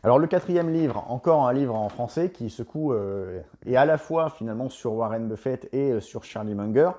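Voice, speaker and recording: A man in his thirties giving a relaxed book review to camera at home, talking hesitantly with many fillers into a lapel mic. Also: mid-range voice, normal speed. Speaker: investing blogger and author. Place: home room with bookshelves, indoors.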